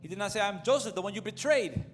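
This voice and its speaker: A man's voice: high-pitched, lively intonation, fast, soft background music. A man interpreting a sermon phrase by phrase, following right after the preacher and restarting now and then.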